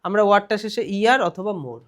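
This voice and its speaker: A man's voice: high-pitched, sing-song. Male Bengali teacher drilling grammar rules. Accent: West Bengal Bengali. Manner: repeats questions and answers them himself, drawn-out key words. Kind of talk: exam grammar lesson.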